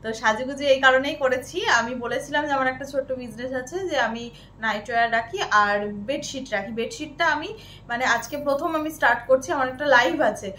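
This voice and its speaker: A woman in her thirties talks straight to her viewers in a casual vlog. Her voice sits high, and she shifts easily between a hushed, polite tone and a louder, more animated way of speaking. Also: slight background noise. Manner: chatty, switches between soft and loud. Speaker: vlogger. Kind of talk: casual chat to camera.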